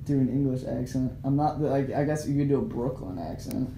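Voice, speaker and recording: A man's voice: mid-range voice, fairly quick, warm tone. An American man, a podcast guest, chatting in an easygoing, self-deprecating way. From United States. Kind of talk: casual chat. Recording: echoey room with crowd noise.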